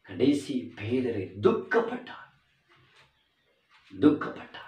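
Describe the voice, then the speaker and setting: A man preaching a sermon, swinging from loud fervent appeals to soft, hushed pleading. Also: lowish voice, lo-fi sound. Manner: rising to loud fervent calls, then dropping to soft near-whispers. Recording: echoey room, voice from a distance.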